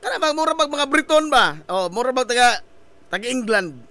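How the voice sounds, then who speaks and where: A man's voice: very high-pitched, lively intonation, a little fast, noisy background. A man hosting a morning radio talk show, playful and joking, with sing-song greetings. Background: background music.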